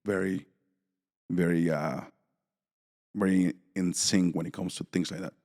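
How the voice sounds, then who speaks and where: A man hosting a podcast in casual chat, halting, with many fillers and restarts. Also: sits low, fairly even intonation, a little mellow, long reverb tail. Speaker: podcast host.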